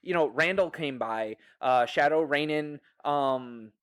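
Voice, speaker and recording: A man's voice: a little high, slow, smooth. A man on a discussion panel, chatty, often laughing and acting out quoted voices as he tells stories.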